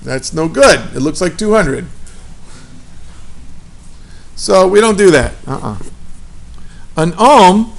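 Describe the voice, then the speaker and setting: High, gravelly male teacher, casual chatty lecture style. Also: expressive, a little slow. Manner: casual, chatty, asks the class questions. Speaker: physics teacher. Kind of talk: classroom lecture.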